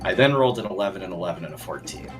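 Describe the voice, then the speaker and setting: A man's voice: deep voice, lively intonation, very fast, loud music behind the voice. A man chatting casually as a player at a tabletop role-playing game.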